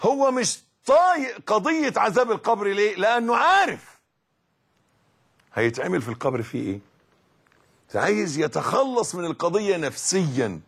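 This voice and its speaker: A middle-aged man with an Egyptian Arabic accent giving a religious lesson as a preacher, emphatic and dramatic, dropping to a hush and then rising loud. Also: high-pitched, husky. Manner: emphatic, dramatic swings between hushed and loud.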